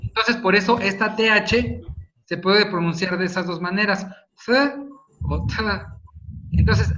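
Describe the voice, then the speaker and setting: A man's voice: high voice, bright, forceful tone. A man teaching a phonetics lesson over a video call, explaining patiently and checking in with his listeners. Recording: slightly dull video call audio, faint noise.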